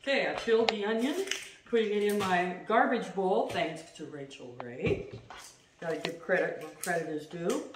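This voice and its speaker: A middle-aged woman chatting casually as she demonstrates a recipe at home, self-deprecating and quick to laugh. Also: fairly low pitch, expressive. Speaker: home cooking host. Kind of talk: casual cooking demo. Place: home kitchen, indoors. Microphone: far camera. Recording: roomy, distant, noisy.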